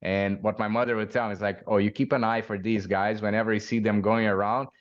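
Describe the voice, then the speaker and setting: Low-voiced Brazilian man, muffled audio. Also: flat delivery, fairly quick. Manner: hesitant, many fillers and restarts, laughs while telling stories. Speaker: guest. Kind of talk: interview storytelling.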